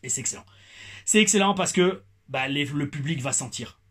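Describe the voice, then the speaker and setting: Husky French man reviewing wrestling. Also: fairly high pitch, normal speed. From France. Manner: animated, playful asides. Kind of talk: casual review commentary.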